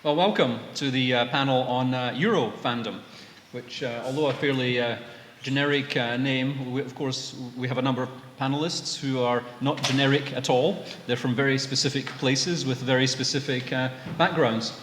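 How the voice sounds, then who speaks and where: Moderator: man, mid-pitched, halting, echoey hall with long reverb. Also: fairly even intonation, fairly bright tone, slight background noise. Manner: hesitant, many uhs, polite. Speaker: panel moderator. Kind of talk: moderating a convention panel. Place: convention panel room.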